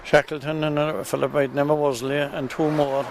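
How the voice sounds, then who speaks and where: Gravelly Kerry man, halting speech. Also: a little high, little pitch movement, noisy background. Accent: Irish, Kerry. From Tralee, County Kerry, Ireland. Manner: halting, with many ums and restarts. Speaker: local interviewee. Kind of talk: casual outdoor interview. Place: outdoors beside a river in a village.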